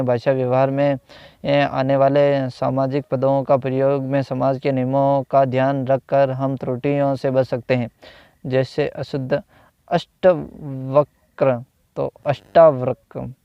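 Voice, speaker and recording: A man teaching a grammar lesson at an unhurried pace, going through one word after another with a steady drilling repetition. His voice has a gravelly edge but stays smooth and resonant. The recording is dry and a little dull, like a cheap microphone. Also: mid-range voice, no echo. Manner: slow, repeats each corrected word with "तो ... होता है"; hesitant, with fillers and self-corrections. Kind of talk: reading out a Hindi grammar lesson.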